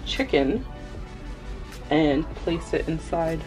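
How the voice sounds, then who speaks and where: A young woman with a slightly low voice chats to her viewers as she cooks at home. She talks as she works and gets excited easily. A little music plays faintly under her voice. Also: takes it slowly, poor audio. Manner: chatty, excitable, talks to viewers while working. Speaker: cooking vlogger. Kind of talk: casual cook-along narration. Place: home kitchen, indoors.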